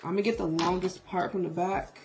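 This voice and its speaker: A sassy beauty vlogger with a mid-pitched voice talks casually through a hair routine. The delivery is playful and full of self-hyping slang. The home recording carries noticeable noise and small clicks. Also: steady tone, a little fast, a little mellow. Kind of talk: casual hair tutorial chat. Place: indoors at home.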